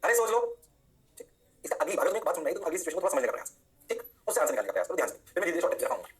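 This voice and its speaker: A man teaching an energetic physics lecture, often answering his own questions in a student's voice. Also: on the high side, very fast. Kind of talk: online lecture.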